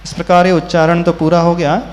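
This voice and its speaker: A man, a Jain monk, teaching a scripture class, who patiently corrects pronunciation and chants verses in a drawn-out tune. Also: a little high, flat delivery. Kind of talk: slow sermon-style class with chanted verses. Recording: hall reverb with faint ambient noise.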